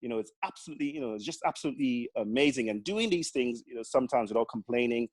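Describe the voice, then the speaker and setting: An accountant from Grenada with a Caribbean accent appears as a guest in a casual interview, speaking earnestly and restarting his words again and again. His mid-range voice is animated and rapid-fire, and the recording is dry.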